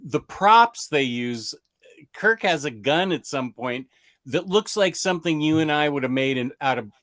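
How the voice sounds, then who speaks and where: A man's voice: a little high, lively intonation, normal speed, a bit bright, no room sound, studio quality. A middle-aged American man hosting a casual comics chat, rambling with restarts and frequent chuckles as he reads viewer questions. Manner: rambling, self-interrupting, chuckles often. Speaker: comics channel host.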